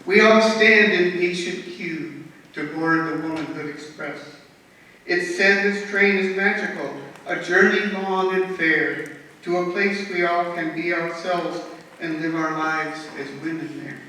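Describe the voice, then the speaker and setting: Brief: woman poet at a talent show, slow, steady verse delivery, recorded from far off in an echoey hall. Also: lowish voice, a little hiss or hum. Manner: measured, rhythmic recitation of rhymed verse. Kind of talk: poetry reading.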